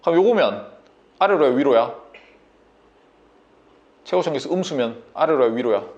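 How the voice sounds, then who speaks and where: A man's voice: mid-range voice, animated, normal speed, darkish tone, highs cut off. A man tutoring math at a whiteboard, talking bossy and casual and checking understanding constantly with a sore throat.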